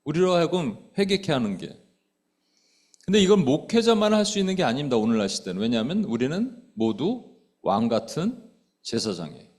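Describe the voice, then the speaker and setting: A middle-aged male pastor giving a conversational sermon, asking the congregation questions and acting out quoted speech with sudden loud outbursts. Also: on the high side, very animated, brisk. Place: church sanctuary.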